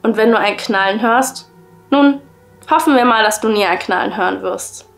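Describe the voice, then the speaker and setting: A woman voicing an eerie little pale boy who calmly recites the rules of a sinister game in a storybook reading. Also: medium pitch, normal speed, vocal fry, soft background music, lightly acted. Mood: ominous. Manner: calm, ominous rule-reciting.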